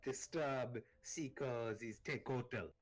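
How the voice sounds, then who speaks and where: Haughty supernatural guardian of a shrine, acted by a male game master, grand and challenging, for a tabletop fantasy game. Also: slow pace. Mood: booming challenge. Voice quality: deep bass. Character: haughty deep-voiced temple guardian, self-styled child of the moon. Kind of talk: tabletop role-play.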